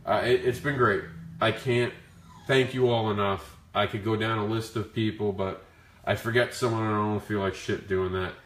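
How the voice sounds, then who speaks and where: A man with a rough, growly voice from the flu, talking casually as he hosts a question-and-answer stream about his creative work. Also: on the low side, steady tone, moderate pace, fairly bright tone. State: sick with the flu. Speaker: comic creator hosting a Q&A. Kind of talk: casual livestream Q&A talk. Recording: echoey, roomy sound.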